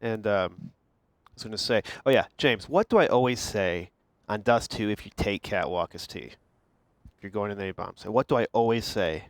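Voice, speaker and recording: A man's voice: fairly low pitch, normal speed, dry recording. A man from the American Midwest with a Chicago accent, casting an esports match in a joking, casual chat. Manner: joking, laughs often. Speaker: esports caster. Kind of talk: casual commentary banter.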